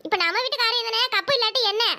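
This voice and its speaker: A woman voicing a scheming, sharp-tongued young sister-in-law in a Tamil cartoon, speaking with a Kanyakumari Tamil accent. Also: very fast, gravelly, heavily acted. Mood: quarrelsome. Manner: shrill, quarrelsome, fake-tearful.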